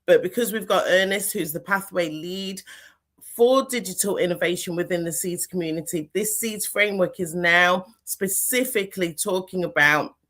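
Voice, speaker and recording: A woman's voice: fairly low pitch, moderate pace, fairly bright tone. A woman hosting a podcast interview over a video call, chatting casually and animatedly, laughing often. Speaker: podcast host.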